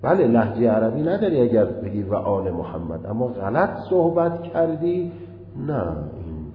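A man teaching a religious law class in a deliberate way, chanting the recitations he quotes. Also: mid-range voice, very animated. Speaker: seminary teacher. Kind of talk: jurisprudence lecture. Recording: echoey hall, dull lo-fi.

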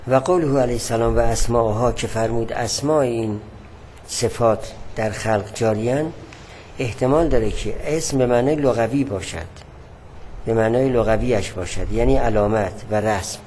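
A man teaching a religious lesson, explaining at a measured pace and repeating his key points. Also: mid-range voice, darkish tone, a little hiss or hum.

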